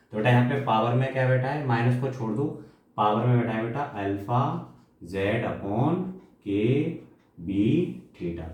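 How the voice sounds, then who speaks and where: A man's voice: mid-range voice, darkish tone. A man explaining physics to students as their teacher, asking questions and answering them himself, often calling them "beta" and slipping into English. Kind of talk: classroom lecture. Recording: echoey room.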